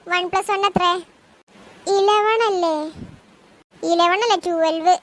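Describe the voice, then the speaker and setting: A performer with a Malappuram Malayalam accent voicing a whole family cartoon in a high, childlike voice. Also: female voice, fairly bright tone, a little hiss or hum. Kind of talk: animated cartoon voice acting, all parts by one voice.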